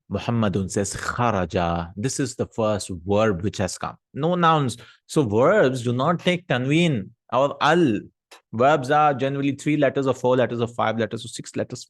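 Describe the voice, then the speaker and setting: A man's voice: mid-range voice, dry recording. Guy teaching a language class, drilling word lists, patient and a bit chatty, dead dry room. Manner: patient, explains and drills vocabulary aloud; chatty asides, laughs at himself. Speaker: Arabic teacher. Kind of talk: recorded language lesson.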